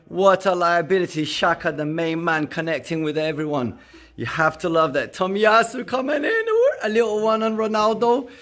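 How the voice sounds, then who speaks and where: Very high, bright male football fan. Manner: exclamatory, chanting fan banter. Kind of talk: casual self-recorded reaction.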